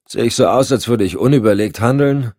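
A man's voice: medium pitch, fairly quick, a little mellow, no room sound, clean studio sound, voice pushed up, lightly acted. A man voicing a hot-tempered, tough male agent who talks bluntly and threateningly. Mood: irritated.

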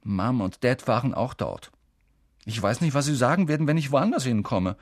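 A man's voice: mid-range voice, animated, normal speed, no room sound, studio quality, voice pushed up, natural voice. A man voicing an awkward, gloomy eleven-year-old boy in an audiobook, mumbling and sheepish. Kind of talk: audiobook character voice.

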